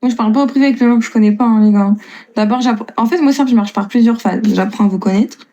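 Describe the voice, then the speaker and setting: A woman's voice: on the high side, quick pace, warm tone, muffled recording. A woman in her twenties with a slight northern French accent from Lille, chatting casually with viewers on a live stream, reading and answering their comments with frequent laughs. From northern France. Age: 20s. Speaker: livestreamer.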